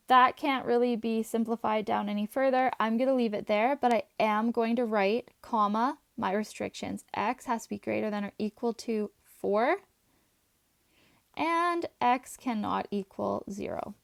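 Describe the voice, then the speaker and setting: A woman teaching a math class, chatty and talking her students through each step as she writes, her voice a little hoarse. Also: fairly high pitch, measured pace, no room sound, studio quality. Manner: chatty, talks while writing, asides to students. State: voice going, slightly hoarse.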